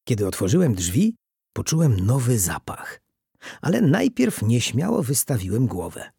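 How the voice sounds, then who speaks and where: A man narrating a children's storybook in a lively reading voice, lifting his pitch for the children's lines. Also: moderate pace, creaky, breathy edge, no echo, studio quality.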